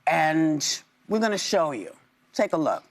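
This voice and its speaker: A man anchoring a news segment, introducing clips in a crisp newsreader delivery. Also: fairly high pitch, very animated, a little slow.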